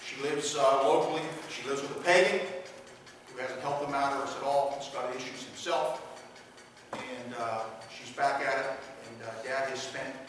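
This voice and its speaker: A man's voice: medium pitch, moderate pace, a bit bright. A man from a sheriff's office giving a talk to an audience. He talks conversationally, repeats himself and asks the room "okay?" and "right?". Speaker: public speaker from a sheriff's office. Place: large echoey hall with an audience. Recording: echoey hall from far off, faint hiss.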